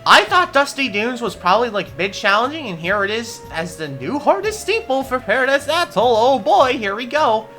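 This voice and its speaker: A woman's voice: on the high side, very animated, normal speed, hardly any pauses, a bit bright, faint music behind. A woman giving casual commentary in a gaming vlog, amused and sarcastic, often close to laughing. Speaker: gaming video creator.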